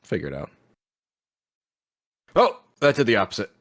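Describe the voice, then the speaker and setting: A man hosting a casual chat, relaxed and offhand with wry verdicts. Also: lowish voice, normal speed, no room sound, studio quality. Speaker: host.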